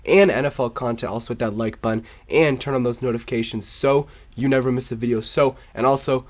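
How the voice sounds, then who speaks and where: Male sports vlogger, stuffed-up and sick with a sore throat, informal opinionated commentary, mid-pitched. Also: fairly even intonation, a little fast. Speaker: sports video host.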